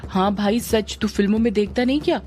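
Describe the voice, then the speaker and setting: Storybook voice: a woman playing a jokey smitten village man, medium pitch, light music under. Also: a little fast, darkish tone, close to an everyday voice. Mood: joking. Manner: chatty, teasing. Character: joking lovestruck young village man.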